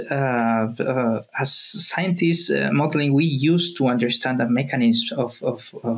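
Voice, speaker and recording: A man in his thirties from Peru with a Peruvian Spanish accent, a researcher speaking as a guest on a video call, with many fillers and restarts. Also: mid-range voice. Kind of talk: remote interview. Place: office. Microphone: earbuds on a video call.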